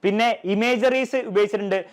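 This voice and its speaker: A male teacher giving an exam revision lesson, who often asks his pupils whether it is clear and answers his own questions. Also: high voice, fairly even intonation, fast. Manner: keeps checking if pupils understand.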